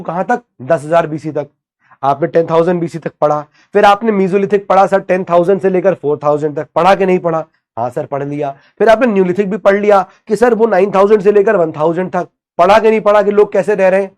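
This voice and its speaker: High-voiced chatty male teacher. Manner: chatty, asks and answers his own questions, mixes English terms. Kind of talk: online lecture.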